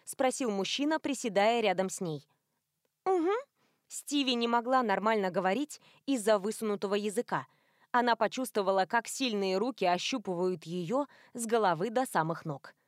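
An audiobook narrator, a woman with a medium-pitched voice, reads a novel from a script in a lively, expressive way at a moderate pace. The studio sound is clean, with no room sound.

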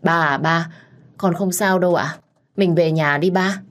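A woman's voice: on the low side, steady tone, measured pace, natural voice. A woman voicing a scheming young daughter who speaks in a trembling, tearful way. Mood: coaxing. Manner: trembling, whiny.

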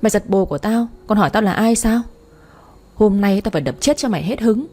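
A woman narrator voicing a brash, loud-mouthed young woman who teases and bosses her friend. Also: medium pitch, lively intonation, fairly quick, natural voice. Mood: bossy teasing. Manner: crude, teasing, bossy.

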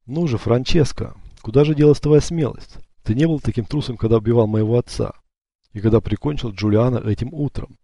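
A man's voice: fairly low pitch, brisk, mellow, no room sound, clean studio sound. A man voicing a young male assassin who growls fierce threats, in an audiobook. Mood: taunting.

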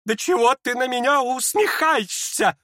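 A man's voice: high-pitched, moderate pace, a bit bright, dry recording, clean studio sound, voice pushed up. A man reading an audiobook and voicing a hot-tempered older woman who scolds shrilly and indignantly. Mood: furious.

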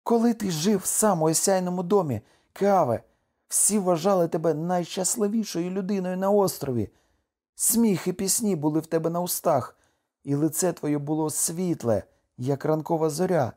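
A man's voice: sits high, moderate pace, dark tone, voice pushed up, lightly acted. A man reading an audiobook, voicing a loving, desperate young island wife with a raised, pleading delivery. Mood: bitter.

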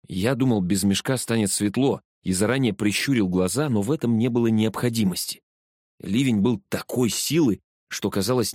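A man narrating a first-person story with a steady storytelling delivery. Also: fairly low pitch, no room sound, studio quality. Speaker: audiobook narrator.

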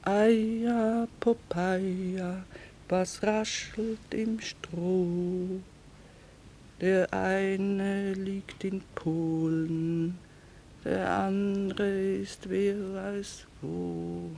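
Radio drama: weary bereaved mother, gravelly mid-pitched voice, resigned. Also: steady tone, extremely slow, dark tone, a little hiss or hum. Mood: tender grief. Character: weary, grieving mother, hardened war-time trader. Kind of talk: radio drama acting with crooned lullaby.

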